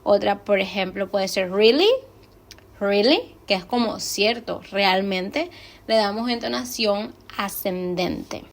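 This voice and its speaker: A woman's voice: medium pitch, steady tone, unhurried, creaky. A woman with a Latin American Spanish accent teaching an online English lesson, explaining patiently and repeating example phrases.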